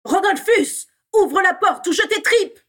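A woman reading aloud gives voice to a fierce, bossy young witch who screams her orders high and loud. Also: fast, dry recording, clean studio sound, lightly acted. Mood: shrieking, furious.

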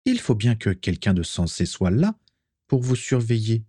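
A man's voice: on the low side, big pitch swings, normal speed, warm tone, husky, dry recording. A man putting on a dry, guarded witch. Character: guarded middle-aged witch, calm and wry.

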